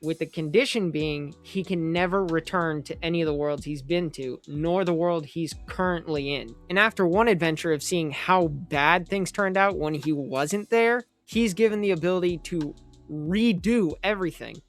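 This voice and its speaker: A young manga reviewer talks in a casual vlog with a voice that sits a bit high. He rambles, adds animated asides, and fires quick questions at the viewer while faint music plays in the background.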